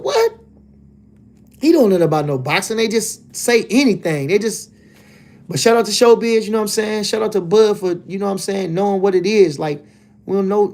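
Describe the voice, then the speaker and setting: A man's voice: high voice, gravelly, a little mellow. A man hosting a casual boxing livestream, reading chat comments and talking loosely with lots of filler phrases. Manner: laid-back, loose and rambling, lots of "you know what I'm saying".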